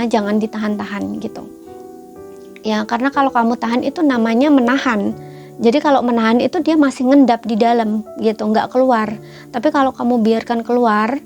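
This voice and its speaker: A woman giving a tarot reading in a gentle, repetitive, coaxing way, full of fillers. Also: fairly high pitch, creaky. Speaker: tarot reader. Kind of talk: casual spoken tarot reading.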